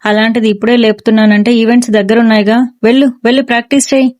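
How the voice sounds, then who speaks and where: A woman voicing a stern, middle-aged police officer father who scolds and shouts orders at his son, in a storybook reading. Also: fairly high pitch, flat delivery, very fast, lightly acted. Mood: scolding.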